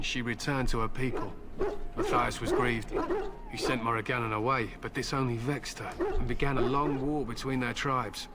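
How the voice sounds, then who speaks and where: This is voiced video-game dialogue from a stern male human warrior, a grim hunter accompanied by war hounds. The actor's voice is medium-pitched and natural, solemn and curt as he speaks with pride of battle and his hounds, with loud game music in the background.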